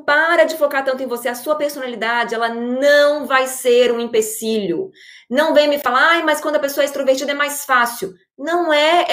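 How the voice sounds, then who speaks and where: Brazilian woman, kinda high voice, lively motivational talk to her followers. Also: reverberant. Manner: energetic and expressive. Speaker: online creator and entrepreneur.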